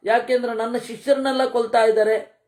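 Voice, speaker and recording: A speaker giving a scripture discourse, chanting verses slowly and evenly, then explaining them in casual everyday speech with rhetorical questions. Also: mid-range voice, flat delivery, darkish tone. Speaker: Purana expounder.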